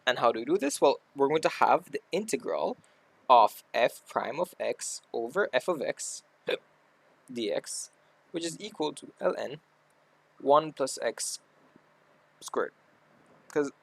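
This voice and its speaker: Male maths tutor, mid pitch, gravelly, dry room, casual step-by-step explainer. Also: sing-song, a little slow. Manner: talks through steps aloud, self-correcting. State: hiccuping. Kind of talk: casual worked-example lesson.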